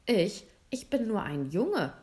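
A nervous, polite little boy who stammers, put on by a woman reading a story. His voice sits a little higher. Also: very animated, slow pace, a little mellow, a little hiss or hum.

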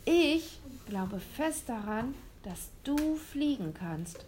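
A woman's voice: on the high side, animated, background noise, natural voice. A woman voicing an earnest, hopeful young boy in a storybook reading. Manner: earnest, slow and heartfelt.

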